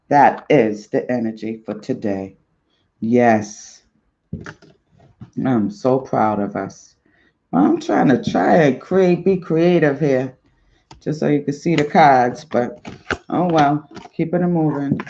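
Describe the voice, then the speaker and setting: Man, tarot reading to viewers, unhurried, encouraging and repetitive, gravelly fry, dull lo-fi sound. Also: medium pitch, darkish tone. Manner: slow, affirming, encouraging, repeats phrases. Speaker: spiritual life coach and tarot reader.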